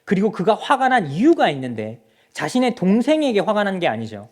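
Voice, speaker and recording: A man's voice: high voice, wildly swooping pitch, brisk. A male pastor preaching a sermon in a church, speaking straight to the congregation with rhetorical questions. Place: church sanctuary.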